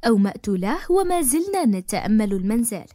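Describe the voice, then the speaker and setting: A woman reading a first-person suspense story aloud, steady and clear. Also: a little high, fairly quick, dry recording, clean studio sound. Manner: steady storytelling with spoken dialogue. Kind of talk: scripted narration.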